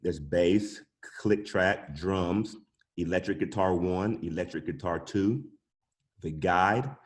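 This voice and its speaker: A man casually teaching a live online music software workshop over a video call, chatty and informal. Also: low-pitched, slow pace. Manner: casual, chatty, says y'all and yada yada. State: sucking a cough drop. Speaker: music production instructor.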